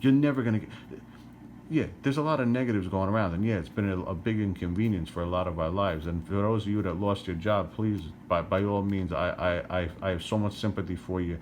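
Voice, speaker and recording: A man's voice: low-pitched, brisk, darkish tone, slight background noise. A middle-aged man from New Jersey ranting to camera, exasperated, firing rhetorical questions and repeating himself. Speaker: vlogger.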